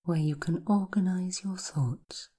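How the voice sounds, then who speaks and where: A woman guiding a hypnosis relaxation, speaking softly in slow, repetitive suggestions and often half-whispering. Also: lowish voice, husky.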